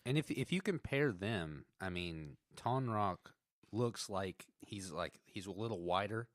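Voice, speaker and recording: A man's voice: lowish voice, animated, a little slow, no echo, studio quality. A man co-hosting a podcast, chatting casually about an episode, laughing often and stumbling over restarts as he reads trivia aloud. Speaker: podcast co-host.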